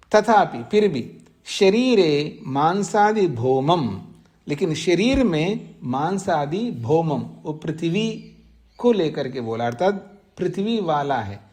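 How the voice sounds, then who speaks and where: A man teaches a scripture class in an unhurried, measured way, reciting verse terms and breaking them down word by word. His voice sits on the higher side for a man, and he often pauses to ask his listeners questions. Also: big pitch swings, a little mellow. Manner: slow deliberate explaining, recites and repeats Sanskrit terms. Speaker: teacher of Vedanta sutras. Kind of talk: scriptural lecture. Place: ashram class.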